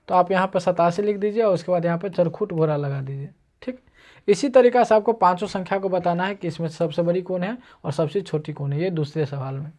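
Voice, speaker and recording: His voice is high but darkish as he runs an online math lesson. He keeps explaining patiently, repeating and walking through each step.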